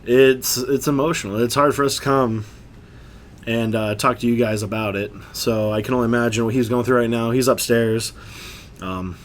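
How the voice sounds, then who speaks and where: A man's voice: medium pitch, steady tone, normal speed, slight background noise. Earnest male co-host, repeating himself. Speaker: podcast co-host. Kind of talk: satirical podcast chat.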